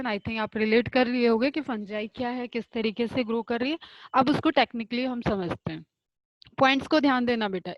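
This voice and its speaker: A woman teaching a biology class who explains step by step, asks her own questions and answers them, and reads definitions out slowly. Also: fairly high pitch, no echo, highs cut off. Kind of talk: online class lecture.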